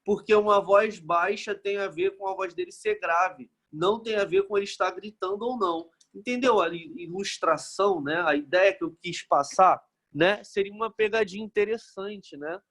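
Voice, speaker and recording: A man's voice: high-pitched, normal speed, few pauses, fairly bright tone. A man from Brazil, teaching a physics lesson in a casual, joking way and checking in with the class after nearly every phrase.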